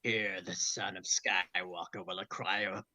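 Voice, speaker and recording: A man voicing a sinister old galactic emperor in a gravelly voice, making slow, ominous proclamations in an amateur script reading. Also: sits low, fairly even intonation, pushed and bright, voice pushed down, full character voice. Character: sinister old Sith emperor hologram, scheming, grandly foreboding.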